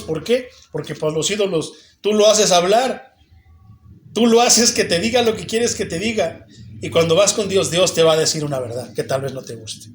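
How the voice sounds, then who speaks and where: A man's voice: a little high, echoey room. A man preaching a sermon as pastor, asking rhetorical questions and calling out to his listeners as brother. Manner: conversational preaching, rhetorical questions, often addresses "hermano".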